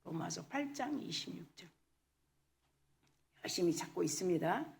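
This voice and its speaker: A woman's voice: fairly low pitch, expressive, normal speed, creaky. A woman pastor preaching a sermon in a church, emphatic, slipping in English words and often dropping to a whisper. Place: church sanctuary.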